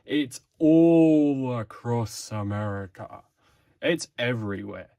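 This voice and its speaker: Slow, rambling man reviewing comics. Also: medium pitch, lively intonation, gravelly, warm tone, dry recording, muffled recording. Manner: rambling, with frequent restarts. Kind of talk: casual spoken review.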